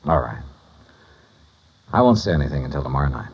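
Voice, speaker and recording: A wry, hardboiled radio detective. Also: male voice, a bass voice, big pitch swings, a little fast, vocal fry, darkish tone, breathy edge, full character voice. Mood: dry. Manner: dry and wisecracking. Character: wry, hardboiled male private investigator. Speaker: insurance investigator and narrator. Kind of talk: first-person radio detective narration. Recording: dull lo-fi 1950s radio recording.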